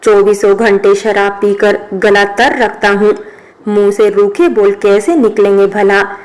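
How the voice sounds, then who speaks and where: Brief: a sarcastic young drinking man, level monotone delivery, a woman reading him. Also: medium pitch, a little slow, lightly acted. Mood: teasing. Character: brash young man who drinks, gruff then teasing.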